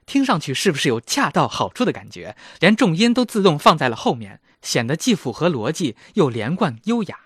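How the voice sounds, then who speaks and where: A man's voice: fairly high pitch, very animated, fairly quick, a bit bright, husky, dry recording, studio quality. A man in his thirties hosting a casual language lesson, chatty and self-mocking. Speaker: German language teacher and host.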